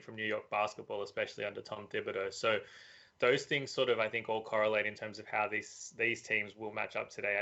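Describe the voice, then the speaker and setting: A man talking as a sports betting analyst, giving a measured, analytical preview with frequent fillers. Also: fairly low pitch, vocal fry, sharp tone. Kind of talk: casual betting preview chat. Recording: dull lo-fi audio.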